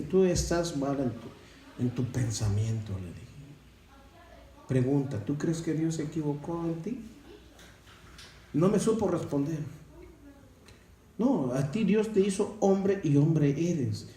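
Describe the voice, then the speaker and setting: A man's voice: fairly high pitch, dark tone, a little hiss or hum. A man giving a preachy testimony to a congregation, calling them brothers and asking rhetorical questions. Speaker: church member giving testimony. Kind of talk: sermon-style testimony. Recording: echoey room from far off with faint ambience.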